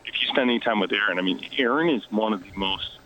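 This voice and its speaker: A man speaking as a guest on a radio interview, talking quietly and self-deprecatingly from outdoors by a lake. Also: fairly low pitch, fast, poor audio. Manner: hushed, quieter than usual. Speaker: guest, fishing show host. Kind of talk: casual radio interview chat.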